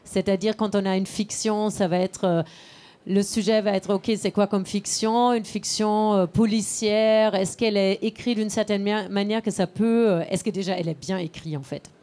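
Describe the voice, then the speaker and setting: A woman's voice: medium pitch, steady tone, normal speed, dark tone. A woman speaking as a panelist, explaining her professional criteria in an unscripted way. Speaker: panelist, international film and TV distributor.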